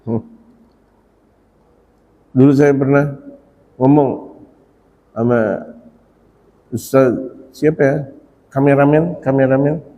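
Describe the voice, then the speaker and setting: A man preaching a sermon to a congregation, animated, repeating phrases and drawing out prayers. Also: medium pitch, slow pace, long pauses. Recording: long hall reverb.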